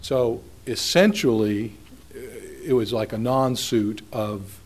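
Measured man arguing in court. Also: mid-range voice. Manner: measured, halting, with frequent restarts. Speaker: appellate attorney. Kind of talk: courtroom oral argument.

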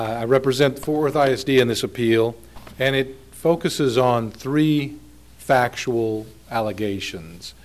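A man, an attorney giving oral argument in a courtroom, speaking in a measured, halting way with frequent restarts. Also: mid-range voice, darkish tone. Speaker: appellate attorney.

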